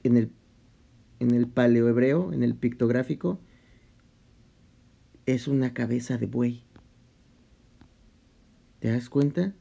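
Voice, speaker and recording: Guy doing a chill bible study vlog, slow and mellow, keeps restarting and tossing in english slang. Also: medium pitch, vocal fry. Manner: conversational, mixes English slang into Spanish, halting restarts. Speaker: vlogger. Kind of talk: casual Bible study explanation.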